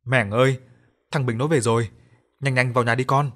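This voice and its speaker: A man's voice: mid-range voice, fairly even intonation, a little fast, fairly bright tone, close to an everyday voice. A man voicing an elderly rural mother who fusses fondly over her returning son in a story reading. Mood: joyful. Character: elderly country mother, fussing and overjoyed.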